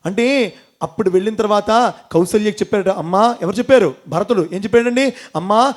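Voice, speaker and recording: A man's voice: high voice, fairly quick. A man with a Telugu accent telling a devotional story to a temple audience, quizzing his listeners and acting out the characters' lines. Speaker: spiritual storyteller and motivational speaker.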